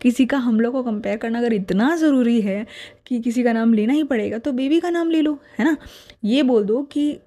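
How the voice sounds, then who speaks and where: A woman's voice: on the high side, normal speed, warm tone. A woman in her thirties, a mother giving parenting advice to camera in an earnest, explaining way, switching between Hindi and English, on a clip-on mic. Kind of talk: casual advice talk to camera. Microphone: lavalier mic.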